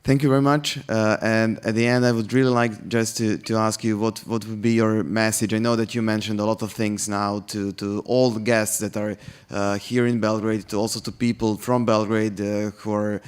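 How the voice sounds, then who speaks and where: This is a man with a fairly low, very clear voice. He moderates a conference panel politely, pausing and restarting a little as he puts his questions together. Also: flat delivery. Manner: polite, somewhat halting.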